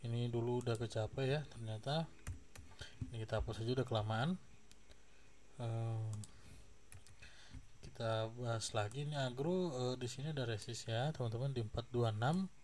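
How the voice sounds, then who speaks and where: Walking viewers through charts on his stock channel, a relaxed male host speaks at a normal speed in a medium-pitched voice, pausing often. His talk is full of fillers and tag questions, he lets out a slight cough, and the recording has a little hiss or hum.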